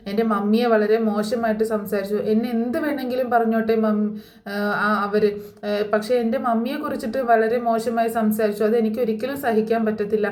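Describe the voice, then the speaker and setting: A hurt, defiant young woman, as a storyteller puts her on speaks in an earnest, halting way. The voice sits a little high, and the room around her echoes. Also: darkish tone, close to an everyday voice.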